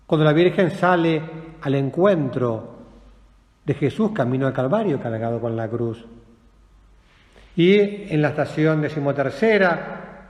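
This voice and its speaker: A man, a priest, giving a slow, solemn meditative sermon with long pauses and endings that fall soft. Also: mid-range voice. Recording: echoey, long reverb of a large room.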